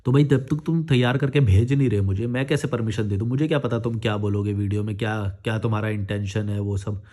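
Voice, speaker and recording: A man's voice: fairly low pitch, quick pace, warm tone. A man casually reading out and answering viewer comments, blunt and scolding, mixing English words into his talk. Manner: blunt, scolding, speaks his mind frankly.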